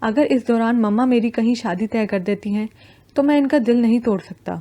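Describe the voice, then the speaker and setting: A woman's voice: a little high, dark tone, natural voice. A woman voicing a curt, aloof young male student who speaks brusquely and impatiently.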